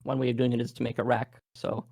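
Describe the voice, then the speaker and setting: A Canadian game audio presenter walks through a live workshop demo, thinking aloud in a relaxed way with plenty of fillers and a quick pace. His voice is gravelly with flat pitch, and the sound is dry, close, and echo-free, like a video call mic.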